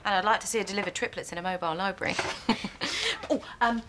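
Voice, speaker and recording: A woman's voice: medium pitch, quick pace, background noise, close to an everyday voice. An actress playing a wry, blunt middle-aged mother in a TV sitcom, who teases with dry remarks. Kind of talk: TV sitcom acting.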